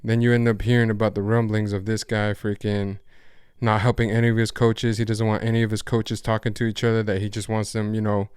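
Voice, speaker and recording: A man's voice: on the low side, flat delivery, fairly quick, darkish tone, clean tone, no room sound, clean studio sound. A man hosting a podcast, talking casually about sports in a rambling, slangy way with frequent restarts and swearing. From Mexico. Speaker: podcast host.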